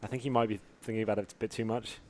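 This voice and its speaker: A man in his twenties casting an esports match, relaxed and measured in casual banter. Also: fairly low pitch, slight background noise. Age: 20s. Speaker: esports caster. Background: loud music.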